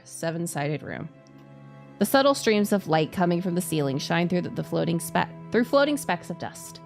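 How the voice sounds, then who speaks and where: A woman's voice: low voice, gravelly, darkish tone. A woman streamer narrating game text dramatically, sometimes stumbling over hard words and repeating them. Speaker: streamer reading a visual novel aloud. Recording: music behind the voice.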